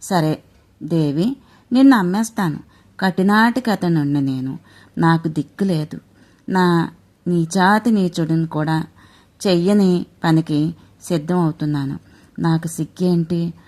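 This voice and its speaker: A woman's voice: lowish voice, measured pace, long pauses, darkish tone, lightly acted. A woman doing a despairing righteous king. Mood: anguished. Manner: anguished, self-reproaching.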